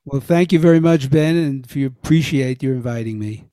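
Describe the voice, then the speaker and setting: A man's voice: mid-range voice, normal speed, mellow, no echo. An older man with a Brooklyn accent talking casually and ramblingly as a guest in an interview. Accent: Brooklyn, New York. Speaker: podcast guest, health writer and vegan advocate.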